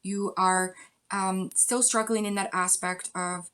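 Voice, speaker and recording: Slow and smooth, this woman's mid-range voice holds a steady tone even though she is losing it. She's doing a pick-a-card tarot reading, talking warmly and directly to the viewer like a coach, with plenty of ums.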